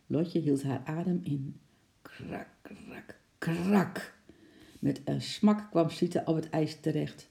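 Female storybook narrator, very dark mellow tone, dramatic and expressive. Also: low-pitched. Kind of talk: children's storybook read-aloud.

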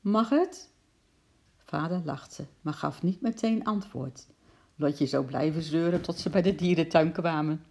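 A woman reads a children's story aloud at a steady storytelling pace. Her voice is low and gravelly, with a dark, husky tone. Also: unhurried. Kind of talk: reading a children's book aloud.

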